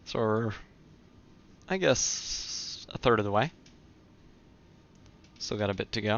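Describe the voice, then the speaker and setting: A male streamer with a low, gravelly voice that still has a bright, forward edge. He chats in a relaxed, easygoing way with his viewers. The audio is dull and lo-fi, like a typical home stream mic. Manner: relaxed, chatty, answers viewer comments. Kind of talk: casual live-stream chat.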